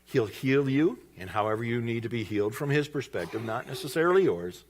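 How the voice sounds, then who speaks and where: A male pastor preaching a sermon in church, telling a story with lively delivery and acted-out quotes. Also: medium pitch, a little fast, a little hiss or hum. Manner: lively storytelling, acting out voices in quoted lines.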